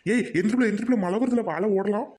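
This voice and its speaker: A gruff cartoon villager done by a woman in a deep put-on voice, barking orders fast. There is clear hiss behind the voice. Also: lightly acted.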